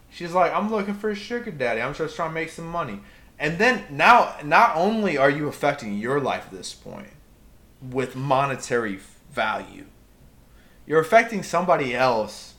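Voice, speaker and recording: A man in casual podcast chat, rambling and animated, swearing freely as he riffs on life and relationships. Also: on the high side.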